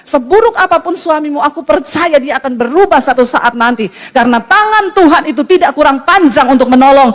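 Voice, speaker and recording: A woman pastor preaching a sermon, telling stories dramatically, teasing and directly addressing the congregation while acting out quoted dialogue. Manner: dramatic storytelling, teasing, calls the congregation "saudara"; acts out quoted dialogue with jumps in pitch. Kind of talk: lively Pentecostal-style sermon.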